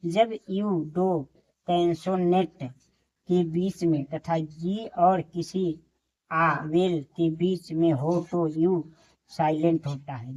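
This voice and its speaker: A woman with a lowish, warm voice teaches a classroom lesson on a dull-sounding recording. She slowly spells each word out letter by letter and repeats it many times.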